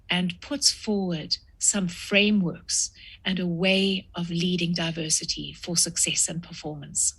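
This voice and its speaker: Husky-voiced woman in her sixties. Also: on the low side. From South Africa. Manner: measured, frequent "uh" pauses. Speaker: guest author. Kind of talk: podcast interview.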